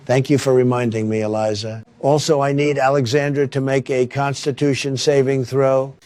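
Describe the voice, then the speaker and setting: Flat-voiced man as dungeon master. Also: medium pitch, normal speed, no echo. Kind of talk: narrating a tabletop game.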